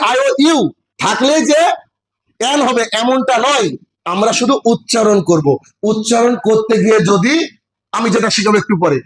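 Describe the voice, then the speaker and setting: A man from West Bengal teaches English in a classroom with a board, explaining step by step and checking that students keep up. His voice is high and the audio is poor.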